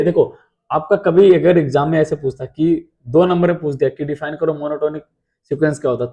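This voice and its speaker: A man's voice: fairly high pitch, dark tone. A man teaching math in an explanatory lecture, asking rhetorical questions and answering them himself.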